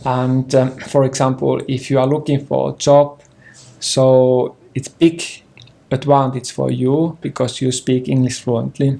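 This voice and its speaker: An older Finnish-accented man speaks slowly and haltingly, stopping for fillers and clearing his throat. His voice is dark and gravelly. He is a native Finnish speaker who chooses his English words carefully. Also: medium pitch, little pitch movement. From Finland. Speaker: interview guest, partner in conversation. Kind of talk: personal conversation on a sofa. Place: indoor living room with bookshelves.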